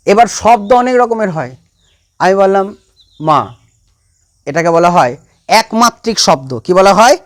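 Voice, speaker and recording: High-voiced science teacher lecturing. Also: male voice, animated, unhurried, pauses often. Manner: repeats key points and quizzes students. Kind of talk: classroom lecture.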